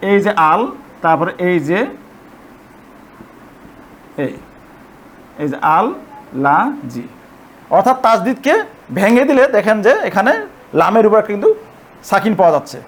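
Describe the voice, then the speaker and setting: A man teaches Arabic grammar in an explanatory lesson, his high voice animated over slight background noise. Patient and methodical, he repeats himself, checks his listeners are with him, and slows down to spell out the Arabic examples by syllable.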